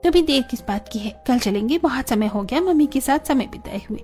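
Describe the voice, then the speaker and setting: A woman voices a group of emotional young married daughters in an animated story, turning from pleading to tearful. Her high-pitched voice is eager and a little fast, with soft music in the background.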